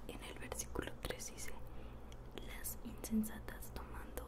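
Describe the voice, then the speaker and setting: A woman giving a soft ASMR Bible teaching in a breathy, barely audible whisper, hushed and explanatory. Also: measured pace.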